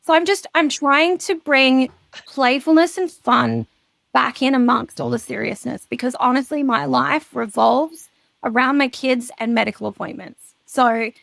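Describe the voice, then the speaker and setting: A woman in her thirties, a podcast guest, chatting casually and telling animated stories with plenty of swearing. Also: sits high, measured pace, gravelly, no room sound. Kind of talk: casual chat.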